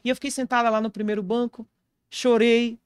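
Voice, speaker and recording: A woman's voice: on the high side, level tone, a little fast, clear, resonant tone, dry recording, studio quality. A woman pastor with a Brazilian accent, telling a personal testimony in an interview and acting out the voices of people in her story. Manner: vivid storyteller who acts out quoted voices. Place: podcast studio.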